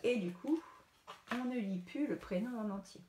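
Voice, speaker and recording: A French woman teacher speaks slowly and clearly to young children, repeating each step. Her voice is mellow and dark. The room echoes, with faint noise behind her. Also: fairly high pitch. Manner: slow, clear, repetitive teacher talk to children. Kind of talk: recorded lesson for young pupils.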